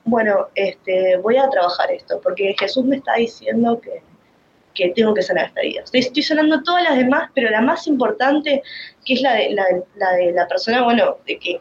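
Rioplatense woman, kinda high voice, emotional rambly faith testimony, muffled lo-fi audio. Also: fairly quick. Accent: Rioplatense Spanish. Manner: emotional, rambling storytelling with many restarts. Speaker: speaker giving a testimony.

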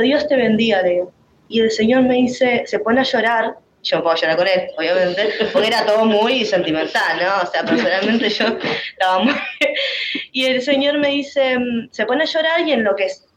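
A woman with a Rioplatense Spanish accent and a fairly high voice tells a personal faith testimony, emotional and rambling, often restarting her sentences. The recording sounds dull and lo-fi, with faint noise underneath. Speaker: speaker giving a testimony.

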